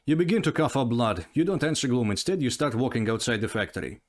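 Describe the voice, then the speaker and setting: A man's voice: medium pitch, expressive, fast. A man reading out and narrating a text adventure game, casual, with asides.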